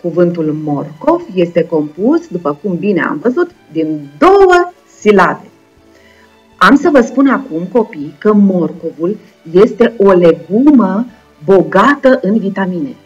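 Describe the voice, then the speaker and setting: A young woman with a Moldovan Romanian accent teaches first graders in a video lesson. She speaks slowly and encouragingly, and she breaks words into syllables with a somewhat husky voice. The recording is dull and lo-fi, with faint music underneath. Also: lowish voice, very animated, a little mellow. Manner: slow, clear, encouraging, spelling words out syllable by syllable. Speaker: primary school teacher.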